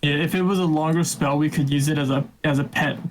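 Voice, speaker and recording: A man playing in a tabletop game, chatting casually and pausing to check rules and tally damage. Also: a little high, steady tone, a little hiss or hum, poor audio. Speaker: player.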